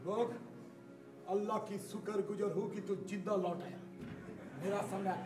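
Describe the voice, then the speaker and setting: A man acting a proud, excitable Mughal khan in a historical stage play, declaiming and exclaiming. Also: very high-pitched, unhurried. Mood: commanding. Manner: declamatory, exclaiming, mixing Hindi-Urdu into Bengali. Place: theatre stage. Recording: echoey stage hall, faint music.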